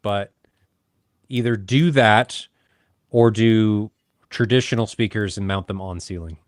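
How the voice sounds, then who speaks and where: A man's voice: fairly low pitch, unhurried, no room sound, clean studio sound. A man co-hosting a casual podcast, chatty and joking, poking fun at himself. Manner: chatty, joking, self-deprecating. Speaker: podcast co-host. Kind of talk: casual chat.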